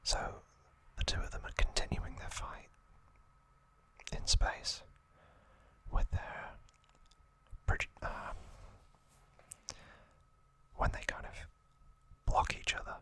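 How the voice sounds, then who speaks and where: Short, slow phrases make up the hushed recap from this male ASMR host, delivered entirely in a breathy whisper without voicing.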